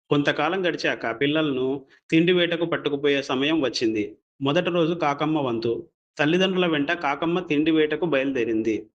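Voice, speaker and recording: A man telling a folk story as scripted narration, steady and plain. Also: fairly high pitch, muffled recording.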